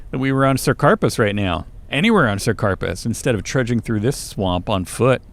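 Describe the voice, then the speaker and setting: A man's voice: mid-range voice, animated, a little fast, creaky. A man reading a nervous, earnest young male hero's lines aloud from a novel, in his own voice.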